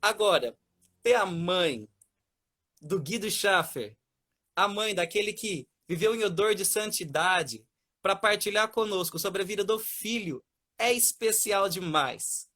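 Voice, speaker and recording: A man's voice: high voice, expressive, unhurried, sharp tone. A man, a seminarian interviewer greeting his guest in an earnest, effusive way. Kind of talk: formal welcoming interview intro.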